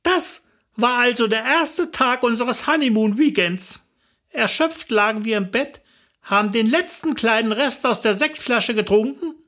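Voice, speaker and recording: A woman's voice: a little high, fairly bright tone. A woman narrating a comic personal story in a chatty, wry manner.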